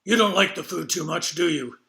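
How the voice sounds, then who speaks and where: A man voicing a gruff, teasing woman resident of a care home, with an almost slurred voice. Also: fairly low pitch, a little fast, a bit bright. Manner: playful, churlish teasing.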